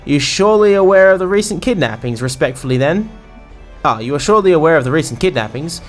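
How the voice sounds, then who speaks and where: A man's voice: on the high side, animated, quick pace, faint music behind, pitched above the performer's own voice, close to an everyday voice. A man voicing a stern, suspicious male harbor officer who speaks formally and accusingly.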